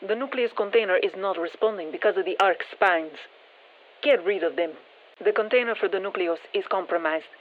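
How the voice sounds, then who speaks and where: A game character, a calm scientist-engineer, briefs soldiers fighting alien parasites, her instructions plain and drily wry. The actress's female voice is mid-range, and the audio is narrow and tinny from a radio filter.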